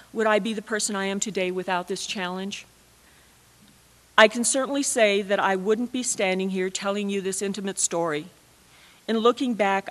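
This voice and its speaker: A mother performing a personal monologue on stage, with a measured, heartfelt delivery. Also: medium pitch, a bit bright. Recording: reverberant hall.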